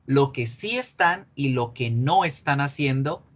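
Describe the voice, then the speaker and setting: A male English teacher giving a class, explaining patiently, repeating key words slowly and asking students questions. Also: mid-range voice, animated, fairly bright tone.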